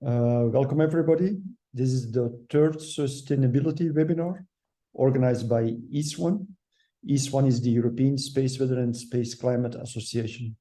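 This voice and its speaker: A man hosting a webinar, giving a formal introduction in halting, measured phrases. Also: mid-range voice, warm tone. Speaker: webinar host.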